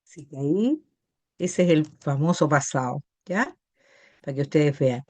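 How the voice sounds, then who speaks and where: Slow-talking Chilean woman teacher. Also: low-pitched, animated, darkish tone, dry recording. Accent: Chilean Spanish. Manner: patient, checks understanding with tag questions. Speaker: English teacher. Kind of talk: classroom lesson explaining grammar.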